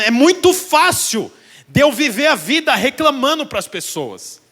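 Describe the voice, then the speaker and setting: A man's voice: very high voice, sharp tone. A Brazilian pastor in his church, preaching a sermon and telling a vivid illustrative story straight to the congregation. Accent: Brazilian Portuguese. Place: church sanctuary.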